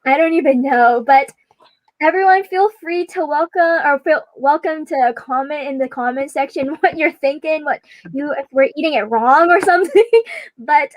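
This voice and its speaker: High-voiced giggly young woman host. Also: normal speed, dry recording, low-quality recording. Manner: giggly, chatty, frequent laughter. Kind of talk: casual livestream chat.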